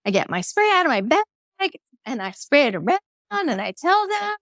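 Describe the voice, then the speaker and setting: A woman guest on an interview, talking about energy healing in a lively, playful way and often acting out voices of people she quotes. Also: a little high, fairly quick, dry recording, clean studio sound. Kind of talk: conversational interview.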